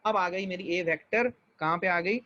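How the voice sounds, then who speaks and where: A man with a high voice teaches physics, moving step by step and often asking whether his students follow. He talks patiently and reassuringly, switching freely between Hindi and English. The sound is dull and lo-fi. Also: moderate pace, bright, forceful tone. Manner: mixes Hindi and English, checks understanding often. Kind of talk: live online class. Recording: dull lo-fi audio.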